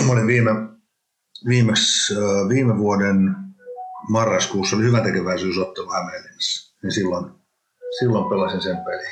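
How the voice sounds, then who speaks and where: Interview guest: a man, a low voice and halting speech, recorded in an echoey room. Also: soft background music. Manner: rambling, halting, with many restarts. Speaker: interview guest, former professional hockey player. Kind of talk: casual interview. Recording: roomy echo.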